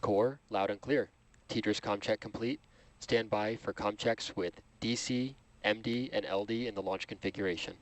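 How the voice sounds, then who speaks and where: A man's voice: lowish voice, steady tone, moderate pace, poor audio. A man in mission control making procedural astronaut radio calls as spacecraft communicator. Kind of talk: astronaut radio com check, procedural announcements.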